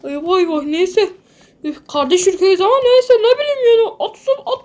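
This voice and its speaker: A woman role-playing panicky, excitable commentary over a sandbox game. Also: extremely high pitch, normal speed. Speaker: gaming video creator.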